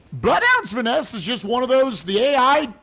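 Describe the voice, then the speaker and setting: Man, charity stream host, high lively voice, gravelly edge, excitable chatter. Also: measured pace. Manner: excitable, reads donations aloud, reacts loudly to gross jelly beans. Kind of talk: casual livestream chat.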